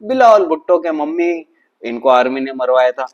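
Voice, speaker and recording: A man's voice: fairly high pitch, expressive, moderate pace, lo-fi sound. A man doing casual, mocking political commentary in a chatty way, constantly addressing his viewers.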